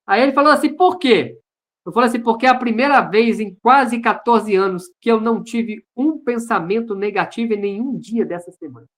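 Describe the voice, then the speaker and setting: A man's voice: high voice, brisk, few pauses, a bit bright. A Brazilian man, a pastor, sharing his personal testimony in an online service over a video call, earnest and repeating phrases for emphasis. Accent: Brazilian Portuguese.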